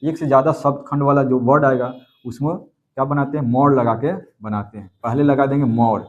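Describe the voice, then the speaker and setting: A man's voice: mid-range voice, fairly even intonation, normal speed, lo-fi sound. A man teaching a grammar class in a coaching centre. He speaks, repeats each key word and asks questions that he then answers himself.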